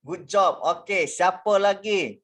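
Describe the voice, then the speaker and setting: A man's voice: high-pitched, slow, fairly bright tone. A Malaysian man coaching students in an online workshop, giving encouraging feedback and mixing in English words. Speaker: webinar coach. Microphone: video call.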